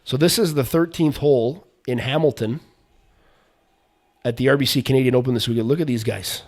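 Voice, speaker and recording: A male podcast host in casual sports chat, with a voice of ordinary middle pitch. He rambles loosely and drifts from one topic to the next. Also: brisk, darkish tone.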